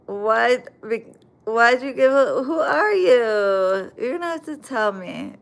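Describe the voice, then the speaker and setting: On a casual livestream, an American woman reads viewer comments aloud and answers them bluntly, swearing plenty. Her voice is fairly high and gravelly, with lively intonation and a slow pace.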